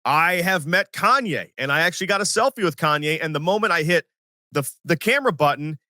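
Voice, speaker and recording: A man in his forties with a bright, forceful voice and a slightly high pitch, hosting a sports podcast. He tells his stories in an animated, self-mocking way and puts on other people's lines as he goes. The sound is dry and close. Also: brisk, no room sound. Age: 40s. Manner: animated, self-mocking storyteller who acts out quotes. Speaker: podcast host. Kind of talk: casual sports podcast storytelling.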